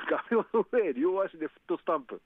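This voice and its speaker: A man's voice: high-pitched, lively intonation, fairly quick, no echo. A man giving a polite, detailed radio report on a wrestling match, full of fillers, heard over a tinny phone line. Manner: polite, explanatory, many fillers. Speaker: pro wrestling commentator.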